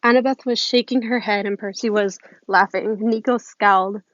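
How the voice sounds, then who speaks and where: An amateur podfic reader, a woman, reads fan fiction aloud informally in a mid-range voice with a steady tone and moderate pace, giggling when she flubs lines. It was recorded on a phone and sounds muffled with a roomy echo.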